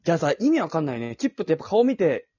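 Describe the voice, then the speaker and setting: Male co-host, quick lively husky storyteller, dull lo-fi mic. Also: fairly high pitch, no room sound. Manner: eager storyteller with quick asides. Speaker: podcast co-host. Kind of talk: casual chat between friends. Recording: dull lo-fi dry home recording.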